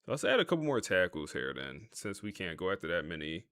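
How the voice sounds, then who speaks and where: Chill guy streaming a game and chatting w his viewers, kinda low voice, dry mic. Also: sing-song, quick pace, a bit bright, no echo. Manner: laid-back, chatty, talks to viewers and laughs at the game. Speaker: gaming livestream host. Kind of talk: casual live-stream commentary.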